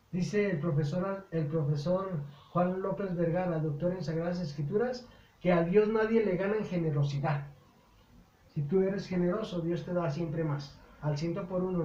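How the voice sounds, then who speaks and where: A high-voiced man with a Mexican Spanish accent teaches scripture in a chatty, homespun manner, often restarting his words. The recording is roomy, somewhat muffled, with faint ambient hum. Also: a little mellow. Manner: folksy, repetitive, many stammered restarts. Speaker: Bible teacher. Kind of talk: informal catechesis lecture.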